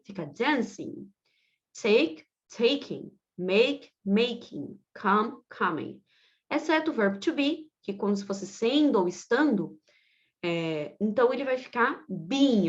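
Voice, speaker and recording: Uma professora de inglês brasileira dando uma aula de gramática online com calma e paciência. Ela soletra letras e repete exemplos devagar. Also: female voice, mid-range voice, dull audio. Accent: Brazilian Portuguese. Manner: patient, explanatory, spells out letters and repeats examples slowly. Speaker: English teacher. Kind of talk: online grammar lesson.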